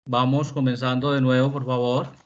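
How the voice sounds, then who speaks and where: A man teaching a philosophy class over a video call, explaining slowly and checking in often with the students. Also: medium pitch, level tone, lo-fi sound, slight background noise. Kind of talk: online class lecture.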